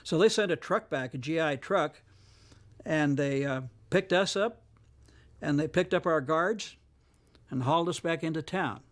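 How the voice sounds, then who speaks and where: An older man recounting memories as an interviewee, halting now and then as he talks. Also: a little high. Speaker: former prisoner of war interviewee.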